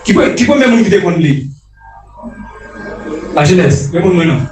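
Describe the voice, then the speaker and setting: A man preaches a fervent sermon in a raised, high voice, often repeating and restarting his phrases before breaking into shouted alleluias. He sounds distant from the microphone inside a reverberant hall. Faint music plays underneath. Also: very animated, normal speed. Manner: impassioned, shouted calls of alleluia. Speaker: prophet preaching. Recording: echoey hall picked up from a distance.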